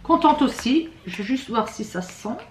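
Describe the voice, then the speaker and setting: A woman chats through an unboxing, stopping and restarting with lots of fillers. Her voice is somewhat high and a bit rattly, and it rings in an echoey room. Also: lively intonation, normal speed, a little hiss or hum. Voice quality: self-described rattly voice. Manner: chatty, hesitant, many fillers and restarts. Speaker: beauty vlogger. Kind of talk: casual unboxing chat.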